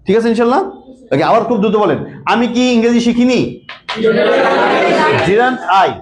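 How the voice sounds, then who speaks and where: A man teaching English grammar, repeating key words and quizzing the class with quick questions. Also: very high voice, a loud crowd, heavy background noise. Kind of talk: classroom lecture.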